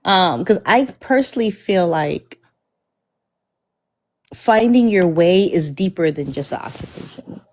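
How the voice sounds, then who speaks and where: A woman's voice: fairly low pitch, lively intonation, a little slow, pauses often, a little mellow. A Dominican woman speaks on a panel, calling others babe and insisting on finishing her point. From Dominican Republic. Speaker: panel guest. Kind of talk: casual panel discussion.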